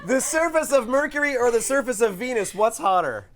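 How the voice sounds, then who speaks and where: A talk show host introducing guests and joking around with them, playful and quick to laugh. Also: medium pitch, animated. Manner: playful, jokey, laughs often. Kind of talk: hosting a comedy talk show. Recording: noisy recording.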